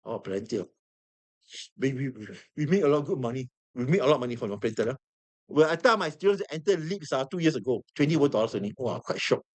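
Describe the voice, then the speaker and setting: Fast and animated, a medium-pitched man with a Singaporean English accent runs a live trading class. His voice is hoarse from nearly losing it, and he keeps repeating himself and tossing questions to his students.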